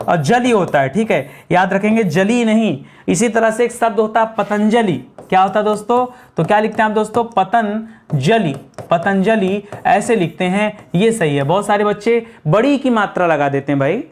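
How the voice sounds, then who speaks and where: A man teaching an exam-prep grammar lesson who keeps asking the class questions and answering them himself, spelling words out slowly. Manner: spells out words slowly, drops low to close each point.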